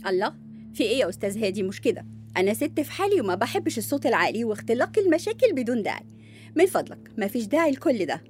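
A woman's voice: on the high side, racing, a little hiss or hum. A prim bossy Egyptian lady. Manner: bossy, refined, lively. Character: prim, lonely middle-aged lady of the house.

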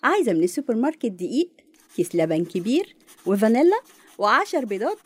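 A woman's voice: a little high, sing-song, fast talker, husky, no echo. An actress playing a refined, bossy lady of the house who lives alone, with an Egyptian accent. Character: prim, lonely middle-aged lady of the house.

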